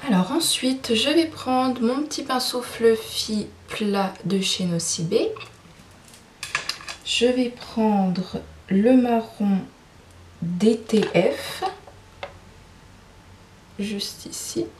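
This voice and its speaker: A woman's voice: fairly high pitch, drawn-out words, long pauses, a little mellow, a little hiss or hum. A young woman chatting through a makeup tutorial, hesitant and full of fillers. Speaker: beauty vlogger. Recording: roomy sound, mic at a distance.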